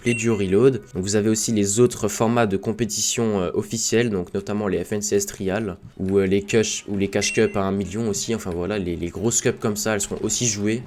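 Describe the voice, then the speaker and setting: A man's voice: lowish voice, darkish tone. A young man casually commenting while he plays a video game, rambling with lots of fillers and gamer slang as an esports team's content creator.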